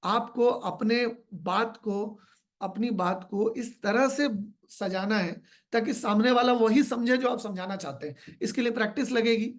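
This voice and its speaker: A man's voice: high voice, a little slow. Hindi-speaking man giving a training talk. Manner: explains by repeating phrases, rhetorical questions. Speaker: business trainer.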